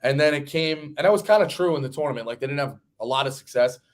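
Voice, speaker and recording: A man in his thirties hosts a sports betting show, talking fast in a fairly high voice. He's casual and conversational, rambling along and swearing now and then.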